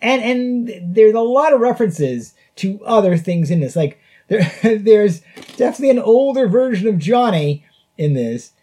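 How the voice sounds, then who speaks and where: A man's voice: high voice, lively intonation, moderate pace, mellow. Chuckling man hosting a casual podcast. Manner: chuckles often between phrases. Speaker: podcast host. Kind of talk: casual review chat. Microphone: podcast mic.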